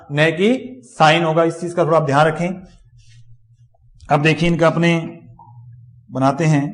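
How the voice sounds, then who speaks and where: A man teaching an exam-prep phonetics lecture, repeating each word slowly for the class and often turning away from the mic to write on the board. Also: a little high.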